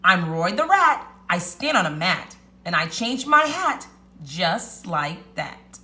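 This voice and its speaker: A woman voicing a clever, excitable little male rat in a storybook read-aloud, with an emphatic, chanting, exclamatory delivery. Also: lowish voice, slow, full character voice. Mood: chanting, proud.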